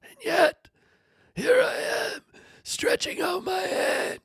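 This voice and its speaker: A woman's voice: very high-pitched, lively intonation, takes it slowly, vocal fry, no room sound, heavily acted. Job, anguished suffering man, voiced by a woman. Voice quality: tearful, breaking into whispers and cries. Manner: anguished pleading, dramatic swings. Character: suffering old man Job, lamenting, despairing. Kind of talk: dramatic scripture reading.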